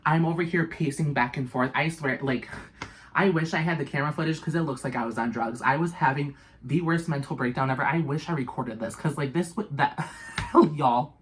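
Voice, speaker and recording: A young woman casually telling an animated, profanity-laced storytime about a bad night, full of fillers and dramatic asides. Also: very deep voice, a little hiss or hum.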